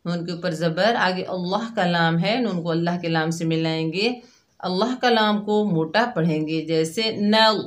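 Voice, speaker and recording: A woman teaching Quran recitation rules step by step, explaining each letter and then sounding out the syllables slowly. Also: lowish voice. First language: Urdu. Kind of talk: slow step-by-step tajweed lesson.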